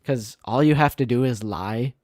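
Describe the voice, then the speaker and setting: There's no room sound as this man, late twenties, co-hosts a toy-collecting live stream. His medium-pitched voice keeps a normal speed while he chats casually, jokes with animation, and acts out quotes.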